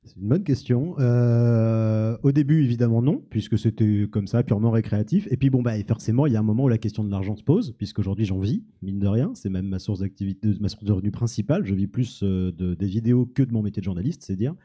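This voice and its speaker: Taking audience questions at a live Q&A in a small cinema-café, this youtuber guest rambles, jokes at his own expense and keeps restarting. He has a warm, fairly low voice and talks fast, barely pausing.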